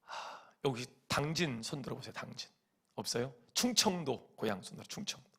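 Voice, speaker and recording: Gravelly, animated male pastor. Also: medium pitch, moderate pace. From Chungcheong, Korea. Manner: animated storytelling, mimics voices and hums folk song lines. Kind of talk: sermon. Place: church sanctuary.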